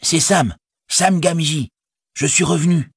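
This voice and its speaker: Brief: man voicing an earnest young male hobbit for a storybook, high, husky, dry sound. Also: unhurried, dry recording, full character voice. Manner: earnest, excited. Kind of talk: audiobook reading.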